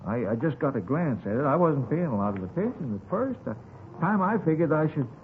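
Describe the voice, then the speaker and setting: In a scratchy, thin 1950s radio drama, a man plays a folksy, talkative eyewitness to a street shooting, rambling along in colloquial phrases with a vague, unhurried mood. His voice is a little high and sing-song, moving a little fast, with phone-quality sound.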